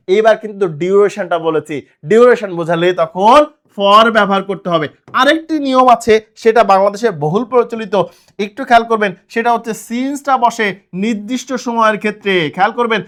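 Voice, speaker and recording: High-voiced male teacher. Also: a bit bright. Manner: explains slowly with repeated questions to students. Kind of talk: grammar lesson.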